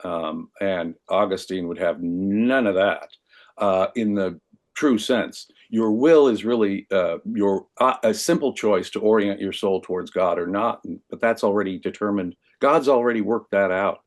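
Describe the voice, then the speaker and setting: A man with a lowish voice holds forth like a lecturer. He talks through old ideas at length and drops in dry, wry asides to his listeners. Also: unhurried. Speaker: guest. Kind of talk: explaining philosophy history in podcast conversation.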